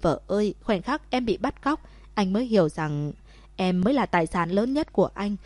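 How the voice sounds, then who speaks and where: A woman voicing a remorseful young husband who begs his wife loudly in a storybook. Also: mid-range voice, expressive, moderate pace, no echo, natural voice. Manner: loud begging calls.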